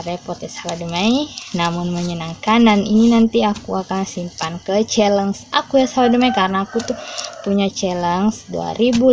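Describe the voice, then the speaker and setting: A woman's voice: mid-range voice, a little mellow, slight background noise. A woman vlogging in a casual, chatty way, counting bills aloud and talking to her viewers, a little out of breath. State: a bit out of breath. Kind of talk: casual money-counting vlog.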